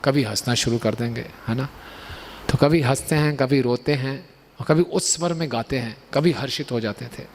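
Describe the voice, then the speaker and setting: A man's voice: medium pitch, moderate pace, a little hiss or hum. Man preaching with tag questions. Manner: explanatory, with frequent rhetorical tag questions and chuckles. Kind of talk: Hindi sermon with stories.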